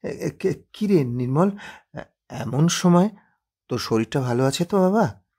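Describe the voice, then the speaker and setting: A man's voice: mid-range voice, sing-song, slow pace, a little mellow, slightly rough, exaggerated voice. A man voicing an anxious, fussing elderly mother in an audio story, speaking with hesitant stammers. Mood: startled.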